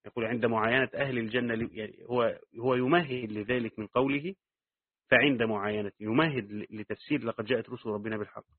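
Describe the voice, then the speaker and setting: A man's voice: medium pitch, no room sound. Man, Egyptian accent, tafsir lesson, reads text then explains in dialect, narrow phone-line sound. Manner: reads the text aloud, then adds quick asides in colloquial dialect. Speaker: Quran tafsir teacher.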